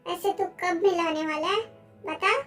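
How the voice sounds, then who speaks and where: A woman's voice: very high-pitched, fairly even intonation, unhurried, fairly bright tone, faint music behind. A woman doing a cheeky teasing young buddy. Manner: teasing, bossy. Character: young man, teasing cheeky best friend. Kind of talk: Hindi fan-dub story voicing.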